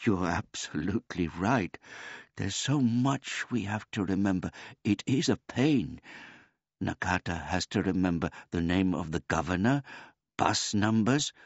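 Brief: a man putting on a gentle, simple-minded old man, polite and meek, voice raised well above his own, dull lo-fi sound. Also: deep voice, animated, measured pace, dry recording, voice pushed up, exaggerated voice. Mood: earnest. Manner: talks of himself in the third person, meek and courteous.

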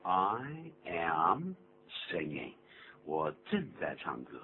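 A man's voice: deep voice, huge pitch swings, extremely slow. A man hosting a radio English lesson, explaining patiently and joking as he exaggerates pronunciation. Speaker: English teacher and program host. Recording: tinny phone-like radio recording with faint hum.

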